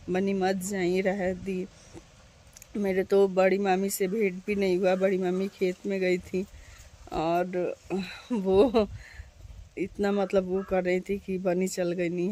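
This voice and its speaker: A woman's voice: mid-range voice, a little mellow. A woman in her thirties chatting casually to her viewers on a phone camera, sitting outdoors in the shade at her doorway. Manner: chatty, addresses viewers directly. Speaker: vlogger.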